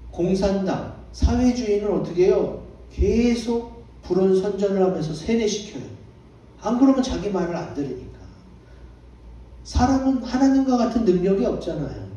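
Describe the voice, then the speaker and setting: Man, pastor, sermon, high voice, dark mellow tone, echoey church hall, distant mic. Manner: asks the congregation questions and answers them himself. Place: church sanctuary.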